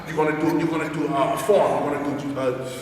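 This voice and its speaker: A man, a former police officer and karate student, telling a lively story and acting out the voices of the people in it. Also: fairly high pitch, fast. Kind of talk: animated storytelling. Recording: echoey hall, distant mic, noisy.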